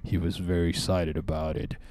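Man voicing an old grandmother's diary for a game stream, very low storytelling voice, noisy mic. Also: flat delivery, a little fast, a little mellow, lightly acted. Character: elderly grandmother reading out her diary.

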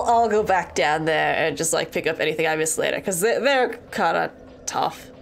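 A woman's voice: sits low, creaky, slight background noise. A woman with a congested, stuffy voice, casually commenting while she plays a game, chatting to enemies and laughing along the way. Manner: chatty, talks to enemies on screen, laughs often. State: congested from a cold. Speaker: gaming channel host. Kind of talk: let's play commentary.

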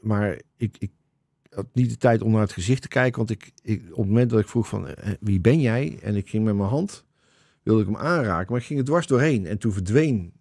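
A man hosts a podcast in relaxed conversation. His low voice has a gravelly fry and a mellow tone, and he tells his story haltingly, searching for words. The recording is close and dry. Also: dry recording. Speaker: podcast host. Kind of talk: casual chat.

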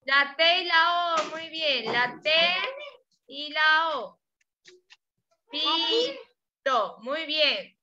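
A woman teaching kindergarten phonics remotely, her high voice moving at an unhurried pace. She breaks words into syllables and praises often. The recording is dull and lo-fi with steady noise behind her. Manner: slow, deliberate, sounds out syllables, frequent praise. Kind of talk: remote phonics lesson for small children.

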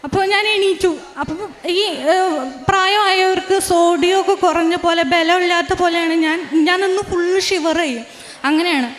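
A young woman giving a personal religious testimony in an earnest, halting storytelling manner with frequent restarts. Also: very high-pitched, steady tone. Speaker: testifying believer. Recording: reverberant room.

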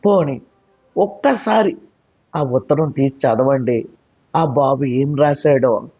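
A man's voice: mid-range voice, slow, a little mellow, slightly rough. A man voicing a humble woman servant who coaxes her mistress deferentially, in a storybook reading. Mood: coaxing. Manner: deferential, coaxing. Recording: dull lo-fi with faint music.

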